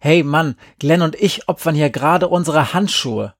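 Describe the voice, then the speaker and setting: A man's voice: a little high, moderate pace, no echo, voice pushed up, lightly acted. A man reading the part of a bossy young girl who loves her plans, in an eager, persuasive way. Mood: eager scheming.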